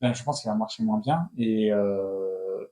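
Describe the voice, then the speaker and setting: With a fairly low, warm voice, a man in his thirties runs a casual film critique show. His delivery is opinionated, arriving in fast, fidgety bursts full of restarts.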